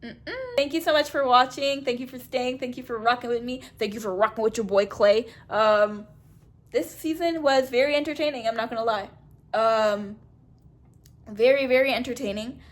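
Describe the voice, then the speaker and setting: A young woman talking casually for her video review, animated and blunt, swearing freely as she gossips. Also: a little high, normal speed. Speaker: YouTuber reviewing a reality show. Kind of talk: casual chat.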